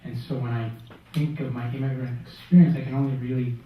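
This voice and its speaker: A man from Russia answering on a literary panel in a bookstore, speaking thoughtfully with halting restarts. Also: medium pitch, flat delivery, muffled recording. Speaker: panelist, writer. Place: bookstore event room. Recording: echoey room from far off.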